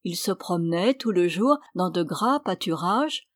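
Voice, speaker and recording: A woman storyteller reading a fairy tale aloud in a measured, clear narrating voice. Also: on the low side, animated, no echo, studio quality.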